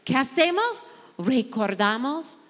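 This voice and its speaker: High-voiced woman sharing with emotion. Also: big pitch swings, slow, fairly bright tone, long reverb tail. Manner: emotional, heartfelt, reading scripture aloud. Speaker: pastor. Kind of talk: sermon-style sharing.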